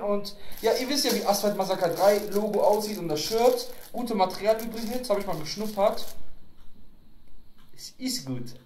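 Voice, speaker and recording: A man talks loosely through an unboxing at home, joking and wandering off topic as he goes. His pitch swings up and down a lot. The room around him rings with echo, and faint clicks sit underneath. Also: darkish tone, a little hiss or hum. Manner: rambling, joking, playful. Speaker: unboxing vlogger. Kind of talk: casual unboxing chat. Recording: echoey room.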